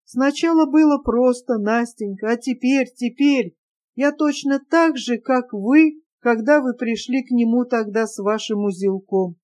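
A woman's voice: fairly high pitch, a little slow, darkish tone, natural voice. A woman reading the lines of a shy, lovesick young man, earnest and fervent. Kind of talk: audiobook character reading.

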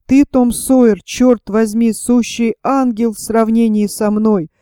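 A woman's voice: fairly high pitch, fairly even intonation, unhurried, clear, resonant tone, no room sound, studio quality, lightly acted. Woman voicing scared ragged boy Huck. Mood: remorseful. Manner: anxious hushed pleading. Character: frightened superstitious boy, ragged runaway.

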